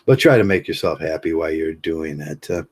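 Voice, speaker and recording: A man's voice: rumbling low, a little mellow, slightly rough. A man hosting a casual livestream monologue, rambling with many fillers and restarts and laughing at his own jokes. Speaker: livestream host.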